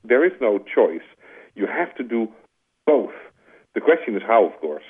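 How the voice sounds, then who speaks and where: A Dutch corporate strategy executive from the Netherlands explains his views as an interview guest over the telephone, his husky voice lowish, a bit slow, and swinging widely in pitch. He's conversational, leans on "like" as a filler, and illustrates points with vivid analogies.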